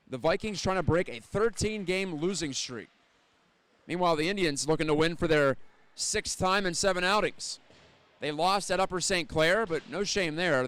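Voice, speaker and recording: An American-accented man calls live hockey play-by-play, fluent and descriptive, his energy rising with the action. His fairly high voice is fairly bright, clear and resonant, in a dry recording.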